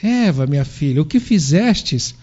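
A man's voice: a little high, big pitch swings, unhurried, mellow, slightly rough, voice pushed down, heavily acted. A preacher voicing God as a stern, fatherly male figure who calls out and questions. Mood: questioning. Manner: calling, questioning. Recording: dull lo-fi recording.

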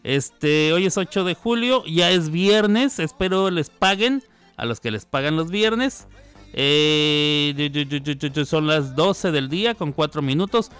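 A man's voice: on the high side, lively intonation, a little slow, a bit bright, smooth, faint music behind. A man, a radio host telling a joking story in a casual, chatty monologue with playful sound effects.

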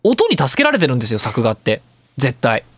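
This radio talk show host, who also works as an audio engineer, explains sound editing in a loose, opinionated, colloquial monologue. His medium-pitched voice swings hugely in pitch, moves fairly quickly, and sounds a bit bright with a breathy edge and no echo.

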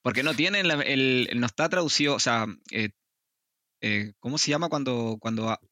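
Man, joking, bright voice, dry sound. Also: mid-range voice, dry recording. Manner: joking, quick interjections. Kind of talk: casual chat.

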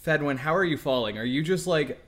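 A man's voice: fairly high pitch, animated, brisk, a bit bright. A man running a tabletop game as game master, narrating scenes vividly and chuckling now and then.

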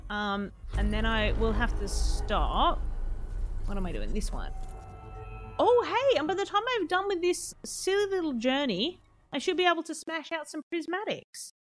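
A woman's voice: high-pitched, very animated, normal speed. Chatty woman streaming a game over music. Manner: chatty, laughs often, answers chat. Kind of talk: casual live-stream chat while playing. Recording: music playing behind the voice.

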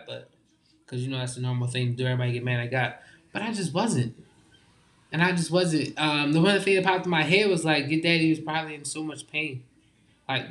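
Here is a young man in a loose, heartfelt conversation, his voice sitting a bit high for a man. His talk is full of informal slang and halting restarts as he works his way through each thought. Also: fairly bright tone. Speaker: guest.

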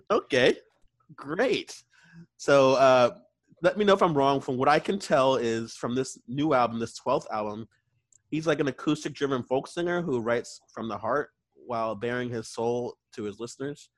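A man's voice: mid-range voice, moderate pace, no echo. A man hosting a casual album review, chatty and profane, laughing between remarks. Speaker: album reviewer and show host. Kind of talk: casual music review chat.

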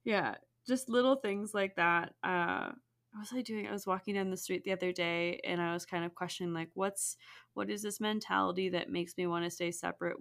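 A woman with a gravelly, fry-laced voice that sits a little low, chatting as a podcast guest. She talks in loose, reflective stretches full of fillers and easy laughs. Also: fairly bright tone. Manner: reflective, rambling, frequent "like" fillers, laughs often. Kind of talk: casual conversation.

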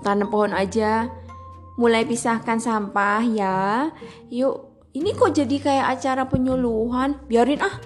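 A woman's voice: a little high, steady tone, a little slow, soft background music. A woman hosting a casual solo podcast, chatty and playful, laughing at her own jokes and acting out little scenes. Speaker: podcast host.

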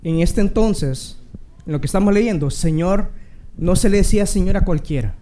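A man's voice: sits high, moderate pace, warm tone. A man with a Dominican accent preaching a sermon, earnest and conversational, with bursts of humor. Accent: Dominican Spanish. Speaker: pastor.

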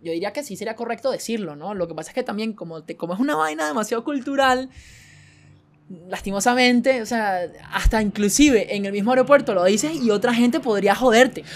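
A woman's voice: a little high, lively intonation, a little fast. A woman chatting casually in a group, very informal and slangy in her wording.

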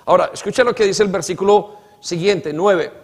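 A man's voice: high voice, fairly quick, husky. A man preaching a sermon, asking the congregation to repeat after him and acting out quoted dialogue with emphasis. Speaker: pastor. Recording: reverberant hall.

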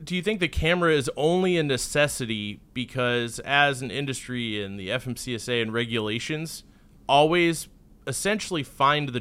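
A man's voice: medium pitch, fairly bright tone. A man co-hosting a podcast interview, asking thoughtful, probing questions. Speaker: podcast co-host.

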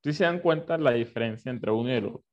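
A man teaching a Bible lesson, explaining slowly and often repeating and correcting himself. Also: medium pitch, highs cut off.

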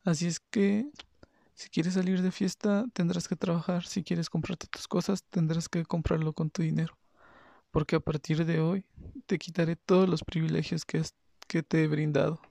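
A man's voice: a little high, flat delivery, normal speed, creaky, warm tone, dry recording. A man voicing a stern, angry father who lectures his son firmly. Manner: scolding, firm and lecturing.

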